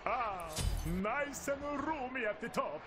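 A woman's voice: sits high, expressive, slow pace. An actress voicing a flamboyant female opera singer in a video game, with a theatrical, sing-song delivery. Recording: loud game music over voice.

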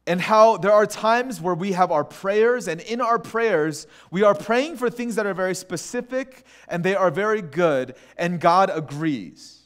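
A man preaching a sermon in a conversational, animated way, with quick restarts and acted asides. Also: high voice. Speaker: pastor.

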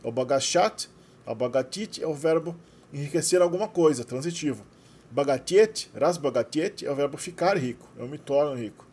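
Guy walking through his language course screens, voice a bit on the high side, keeps saying né. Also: animated, normal speed, a little mellow, slightly rough. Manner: explanatory, frequent "né" tags. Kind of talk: screen-share lesson narration.

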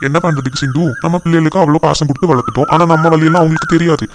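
A man voicing a caring middle-aged father in a cartoon, soft-hearted and pleading. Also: fairly high pitch, fairly even intonation, racing, background noise, lightly acted. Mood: gentle.

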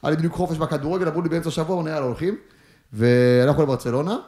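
A man with a fairly high voice chats as a podcast guest. He rambles through a comic story and acts out the quotes along the way. The talk stays loose and jokey. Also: steady tone, dark tone. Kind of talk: casual chat, storytelling.

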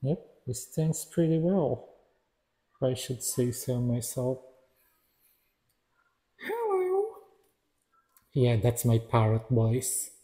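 Male collector reviewing figures; casual, halting, self-correcting, slow and warm-toned. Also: medium pitch, steady tone. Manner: hesitant, restarts and corrects himself. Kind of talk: casual product review narration.

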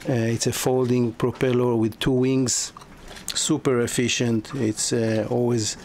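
Slow-talking man touring a sailboat. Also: mid-range voice, level tone, darkish tone. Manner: halting, many fillers and restarts. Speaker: yacht broker. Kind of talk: walkthrough tour. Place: inside a sailboat cabin. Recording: noisy ambience.

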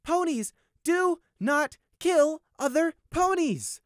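A man voicing a brash, righteous male unicorn guard in an audiobook, cocky and quick to indignation. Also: high voice, lively intonation, no echo, studio quality, voice pushed up. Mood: outraged.

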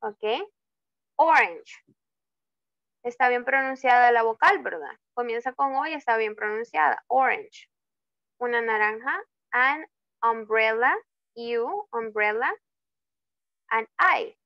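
Patient teacher type, woman, slow and clear, keeps checking in with students, muffled video-call sound. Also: a little high, animated, a bit bright, dry recording. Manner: slow, drawn-out example words, frequent checking "¿ok?". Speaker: English tutor. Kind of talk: online class explaining grammar in Spanish.

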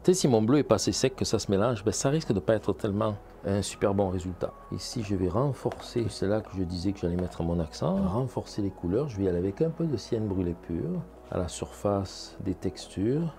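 A man's voice: fairly low pitch, animated, brisk, creaky, few pauses, warm tone. A man, a painting instructor talking casually as he demonstrates, thinking aloud and checking in with viewers. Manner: chatty, thinks aloud, addresses viewers with "hein" and "vous voyez".

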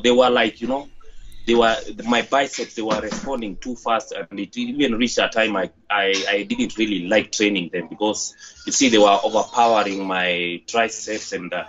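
A young Kenyan man with a Kenyan accent, talking haltingly in a casual interview over a headset on a video call. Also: fairly low pitch, fairly bright tone. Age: young adult. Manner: halting, with many fillers and restarts. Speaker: interview guest, gym owner. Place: outdoors by a corrugated metal wall. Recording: dull lo-fi video-call audio with faint noise.

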